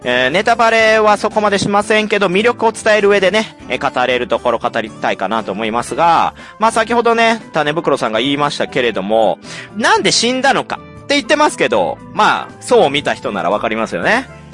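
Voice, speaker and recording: A man's voice: fairly high pitch, very animated, a little fast, a bit bright, faint music behind. A man hosting a casual chat, talking with enthusiasm and some teasing. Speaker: host. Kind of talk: casual chat reviewing a game.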